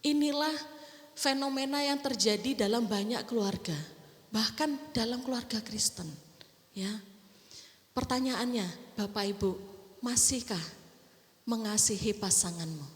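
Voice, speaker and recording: Middle-aged woman preacher, high voice, chatty, acts out quotes; roomy church reverb. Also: unhurried, long pauses. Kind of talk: sermon. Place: church hall. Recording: echoey church hall with long reverb.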